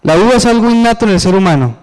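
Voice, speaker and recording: A man preaching a sermon, moving between slow, low pleading and raised, urgent questions. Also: animated, darkish tone, low-quality recording.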